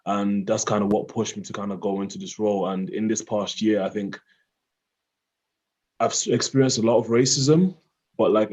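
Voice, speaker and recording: Hoarse young man, flat husky voice. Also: lowish voice, muffled recording. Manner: hesitant, many fillers. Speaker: panel guest.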